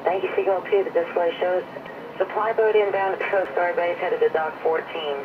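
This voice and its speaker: A man's voice: high voice, fairly even intonation, normal speed. A man working as a vessel traffic controller, heard over a two-way marine radio and using formal radio procedure talk. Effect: two-way marine radio transmission. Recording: muffled radio from afar.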